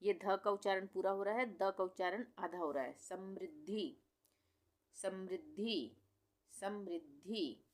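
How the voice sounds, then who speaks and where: A woman teaching Hindi reading, saying each difficult word slowly several times and explaining how it is pronounced. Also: medium pitch. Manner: repeats each word slowly, stretching syllables; patient, explanatory questions to the learner. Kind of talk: slow instructional reading lesson.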